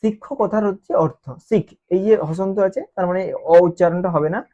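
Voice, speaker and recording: A woman teacher explaining exam questions, repeating key terms and checking in with quick questions to students. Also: on the low side, warm tone. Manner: repeats key terms and keeps asking "ঠিক আছে?". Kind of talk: exam-prep lesson explanation. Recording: dull lo-fi recording.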